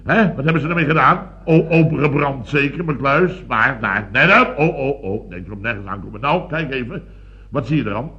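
A man's voice: mid-range voice, expressive, brisk, muffled recording, natural voice. An actor playing a fussy, pompous rich businessman in a radio comedy, blustering and exclaiming. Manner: blustering, exclamatory, self-mocking.

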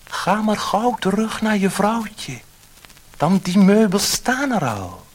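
A man reading a storybook, voicing a small kindly magic fish with a light, silvery voice and calm, reassuring manner. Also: sits high, slow, husky, voice pushed up, heavily acted, low-quality recording. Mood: gentle reassuring.

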